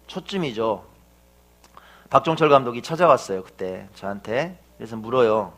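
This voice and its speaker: A middle-aged man preaches a sermon in a somewhat high voice whose pitch rises and falls freely. He tells a story, acts out bits of talk, and keeps turning to the congregation with rhetorical questions. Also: fairly bright tone. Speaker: pastor.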